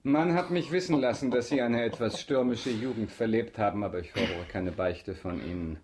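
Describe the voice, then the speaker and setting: An actor in a German radio drama playing a suave, courteous count with polished, measured, formal speech, quietly in control. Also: male voice, lowish voice, a little hiss or hum, natural voice. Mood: smooth, courteous.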